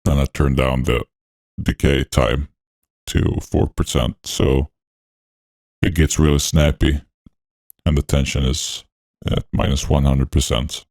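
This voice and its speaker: Man through a very deep voice changer. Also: fairly even intonation, slow pace, pauses often, a little mellow, dry recording, studio quality. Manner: laid-back and technical, with frequent fillers. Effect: voice changer deepening his voice. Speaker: music production tutorial host. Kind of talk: walkthrough narration over a screen recording.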